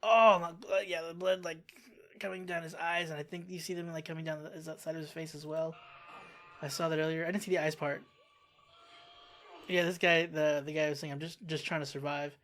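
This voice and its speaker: Expressive casual TV reaction host. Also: medium pitch, brisk. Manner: expressive, exclaims and sighs often.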